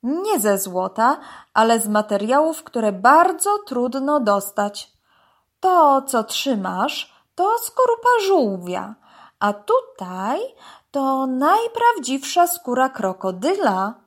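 A pushy, hissing male python trader with a shrill, high voice, put on by a woman reading a storybook. He talks slowly and sells hard, turning to panicked pleading when cornered. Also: big pitch swings, exaggerated voice. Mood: pushy salesman.

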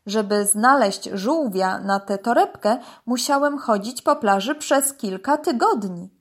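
A woman's voice: high-pitched, very animated, slow pace, pitched above the performer's own voice, exaggerated voice. A woman voicing an angry male python who sells illegal handbags and pleads shrilly when caught. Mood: pushy salesman. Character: angry hissing python, male con-artist trader.

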